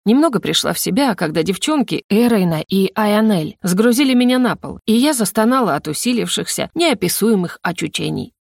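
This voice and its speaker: A woman's voice: medium pitch, lively intonation, fairly quick, creaky, hardly any pauses, no room sound, studio quality. A woman narrating a first-person fantasy audiobook with a wry storytelling manner.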